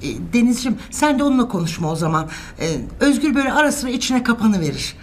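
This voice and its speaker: A woman's voice: a little high, big pitch swings, quick pace, slight background noise. An older woman acting a kindly, motherly household helper in a TV soap opera, hesitant and affectionate. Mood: soothing.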